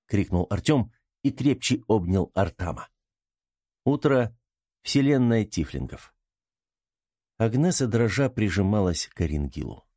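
A man narrating an audiobook in a calm, steady way. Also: lowish voice.

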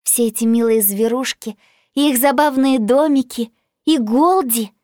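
A woman voicing an enthusiastic young girl who loves animals, speaking in a high, sing-song, excited way. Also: measured pace, dry recording, clean studio sound, close to an everyday voice. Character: enthusiastic curly-haired girl, animal lover.

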